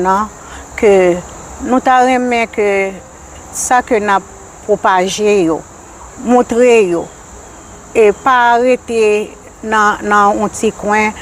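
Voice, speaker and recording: An older woman from Haiti with a Haitian Creole accent, speaking as a community activist guest in a casual interview, earnest and repetitive, with halting phrasing. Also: medium pitch, a little hiss or hum.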